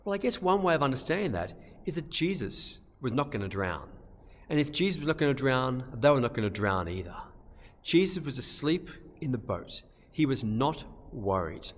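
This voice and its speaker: Priest, lively pitch, churchy reverb. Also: male voice, moderate pace. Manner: gentle, conversational, with frequent repetitions. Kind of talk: homily.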